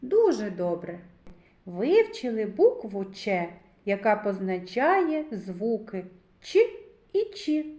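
A woman teaching a literacy lesson to young children, slowly sounding out syllables and words in a sing-song way. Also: medium pitch, big pitch swings, a little mellow, roomy sound, dull audio. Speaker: kindergarten teacher.

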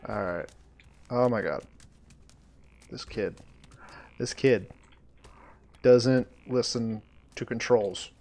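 A man streaming a game live, chatting to viewers, easily frustrated, swearing and breaking into loud surprised outbursts. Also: mid-range voice, takes it slowly, pauses often. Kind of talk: live gameplay commentary.

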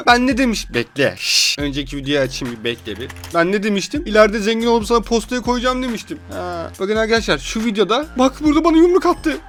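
Excitable young man playing games, high lively voice. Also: fast talker. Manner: excitable, laughing, exasperated, joking. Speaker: gaming YouTuber. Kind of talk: gameplay commentary. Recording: faint game music behind.

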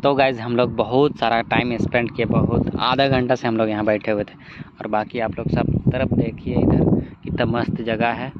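A young man chats to his viewers on a casual vlog by a dam, speaking at a middle pitch. The sound is a little muffled and recorded on a phone, with loud wind blowing over it. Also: level tone, moderate pace. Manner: chatty, addresses viewers directly. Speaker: vlog host. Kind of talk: casual outdoor vlog chat. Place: outdoors by a dam.

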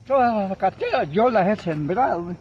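A man's voice: high voice, lively intonation, fairly quick, muffled recording. Very old man, nineties, rural Salvadoran accent. Casual, repetitive talker, recorded outdoors on a noisy handheld. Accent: rural Salvadoran Spanish. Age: 90s, very old man. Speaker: villager being visited. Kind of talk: casual chat. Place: outdoors by a rural road and farmyard. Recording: outdoor phone recording with clear background noise.

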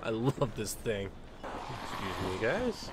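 A man narrating a video game as he plays, reacting loudly, swearing and laughing. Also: on the low side, very animated, slow, background noise. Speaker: gaming YouTuber. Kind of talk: let's play commentary.

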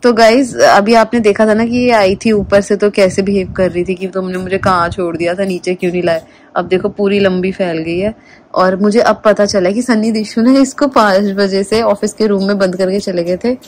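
A woman's voice: medium pitch, fairly even intonation, moderate pace. A woman vlogging at home, gushing over her dog in baby talk and then chatting to viewers. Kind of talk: casual home vlog chat.

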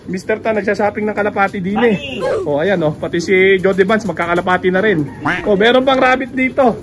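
A man vlogging casually as he walks through a pigeon loft, excited and joking, with frequent exclamations. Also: high voice, noisy background. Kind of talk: casual walkthrough vlog. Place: outdoor pigeon loft with birds around.

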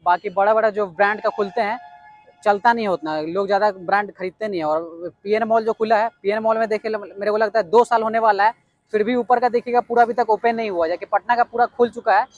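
A man from Bihar, India, vlogs on a walkaround at an outdoor building site. His high voice holds a steady tone and he talks fast, recorded dry with the top end cut off. Eager and hyped, he keeps driving his main points home with "yes indeed".

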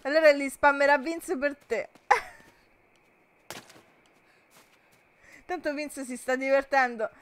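Talking very slowly and pausing often in a high voice, a woman in her 30s live-streams a game, chatting casually and jumpily with her viewers and laughing a lot. There's a little hiss or hum in the background.

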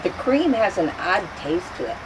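Low-voiced woman talking while chewing. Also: big pitch swings, normal speed. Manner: plain, matter-of-fact verdicts. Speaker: taste-test panelist. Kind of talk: casual chat. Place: outdoors near a road. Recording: outdoor traffic noise. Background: passing traffic.

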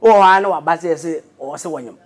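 A man's voice: fairly high pitch, very fast. Jokey Ghanaian man in his thirties. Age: 30s. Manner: jokey, animated, laughing often. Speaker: interview guest, radio presenter and producer. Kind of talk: casual interview chat.

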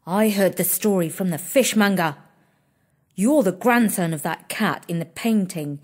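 A narrator voicing a bossy, bad-tempered elder sister who scolds and domineers in a shrill, high voice. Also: unhurried, a little mellow, close to an everyday voice. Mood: accusing. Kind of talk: storybook character voice.

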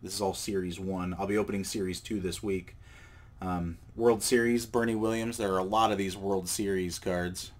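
At normal speed and with a low pitch, a card collecting channel host who has a cold shows his cards at a table indoors. The vlog is casual show-and-tell, delivered in a loose, rambling manner with fillers and corrections.

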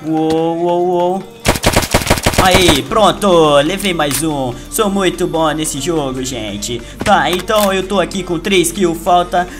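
Brazilian male gaming youtuber, boastful running commentary, slightly high voice, over loud game music. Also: slow pace. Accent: Brazilian Portuguese. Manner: playful, boastful, talks to viewers. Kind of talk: excited gameplay commentary. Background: loud game music and gunfire.

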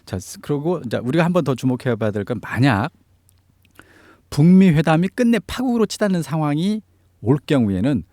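A man's voice: on the high side, sing-song, a little fast, warm tone, no echo, studio quality. A man giving explanatory analysis as a political commentator in an interview, stressing key phrases. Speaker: news commentator on North Korea affairs.

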